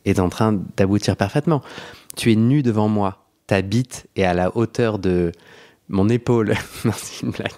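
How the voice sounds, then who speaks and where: Man, young adult, lowish voice, podcast host, rambling casual storytelling, frequent laughs. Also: normal speed, a little mellow. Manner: chatty, laughing, many restarts and fillers.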